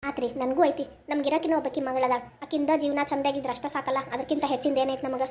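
Woman doing a calm, protective village mother. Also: high-pitched, quick pace, lightly acted. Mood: advising. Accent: North Karnataka Kannada. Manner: gently scolding, comforting.

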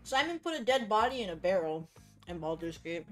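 A woman streaming a co-op game, chatting and teasing her friends with animated outbursts. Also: fairly low pitch, fairly quick, soft background music. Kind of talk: casual gaming chat with friends.

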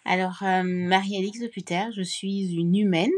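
A woman from Cameroon, a podcast guest, telling her story in a casual interview, pausing often with fillers and restarts. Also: mid-range voice, little pitch movement. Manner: thoughtful, many hesitations and restarts.

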